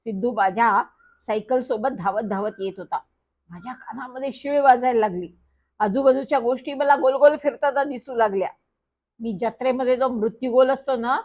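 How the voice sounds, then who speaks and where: Reading a children's story aloud, a woman gives a lively first-person telling in a slightly high voice. The recording sounds dull and lo-fi.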